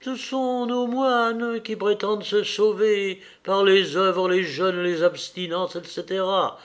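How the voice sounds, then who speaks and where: A man's voice: high-pitched, very animated, slow pace, voice pushed up, full character voice. A man voicing a fervent, pious aristocratic countess who speaks emphatically.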